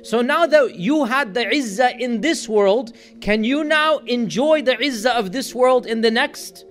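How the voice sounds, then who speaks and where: Male lecturer with a high voice, earnest and emphatic, delivering a religious talk over faint background music. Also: a little slow, a bit bright. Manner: earnest, emphatic, voices quoted crowds with rising intensity. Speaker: Islamic lecturer.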